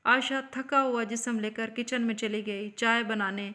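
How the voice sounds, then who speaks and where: A woman telling an emotional story as scripted narration, in a steady storytelling manner. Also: a little high.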